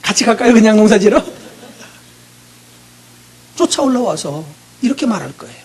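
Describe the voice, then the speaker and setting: A middle-aged male pastor preaching, quizzing his congregation with quick, teasing questions. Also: sits high, lively intonation, slight background noise. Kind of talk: interactive sermon.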